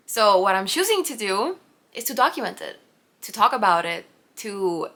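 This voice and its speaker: A late-twenties Puerto Rican woman, a native Spanish speaker, vlogs from home, chatting to camera off the cuff while giggling and rambling. She has a medium-pitched, bright voice with a forceful tone, captured by the camera mic.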